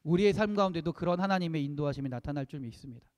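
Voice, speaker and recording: A man preaching a sermon, emphatic, repeating key phrases and swinging between loud peaks and hushed lines. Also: a little high, animated, racing. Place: church sanctuary. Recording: long reverb of a church hall.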